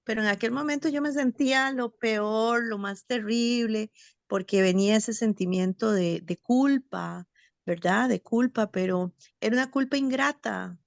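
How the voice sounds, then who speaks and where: A bereaved mother sharing her story over a video call in a support session, reflective and halting with many fillers. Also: a little high, creaky, no room sound. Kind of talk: personal testimony. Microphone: video call, camera off.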